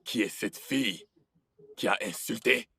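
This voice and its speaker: A calm, measured king in a French film dub, soothing his wife. His voice is low and husky. The recording is dry. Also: no echo, exaggerated voice. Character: calm soothing king, middle-aged husband.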